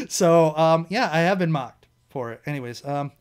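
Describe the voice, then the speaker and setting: A young vlog host with a Midwestern American accent reads quiz items aloud in a rambling solo commentary, often correcting himself, swearing, and laughing at his slip-ups. His voice is on the high side and smooth, with lively intonation and an unhurried pace.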